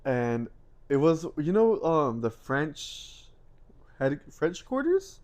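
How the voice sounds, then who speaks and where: A man's voice: fairly high pitch, big pitch swings, slow pace, a little mellow. A man co-hosting a podcast, telling a funny story in casual chat and laughing often. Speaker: podcast co-host.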